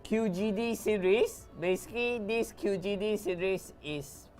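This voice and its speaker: A woman's voice: medium pitch, a little slow, a little mellow, soft background music. A woman product specialist explaining network storage gear in a patient, matter-of-fact way.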